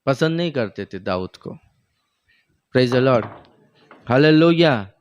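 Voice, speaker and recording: A man's voice: animated, slow pace, clear, resonant tone, highs cut off. A male pastor from India preaching a sermon, retelling stories with quoted dialogue and breaking into exclamations of praise. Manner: preaching with sudden rises in pitch and frequent praise exclamations.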